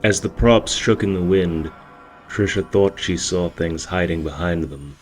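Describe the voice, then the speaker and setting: Deep-voiced man narrating a story. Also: fairly even intonation, unhurried, faint music behind.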